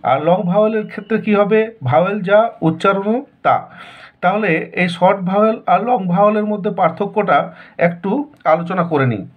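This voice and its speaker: A man's voice: high-pitched, a little fast, phone-quality sound. A man with a Bengali accent teaching a school lesson, asking questions and answering them himself in a repetitive way. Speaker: English teacher. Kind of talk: classroom lesson explanation.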